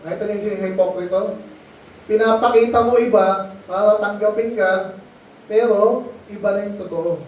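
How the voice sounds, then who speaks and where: This high-voiced man teaches children a Bible lesson sermon in Tagalog at a moderate pace, pausing often and regularly asking them questions in a chatty way. Recorded in a mission meeting space, the sound is muffled and echoey, picked up by a distant mic with slight background noise.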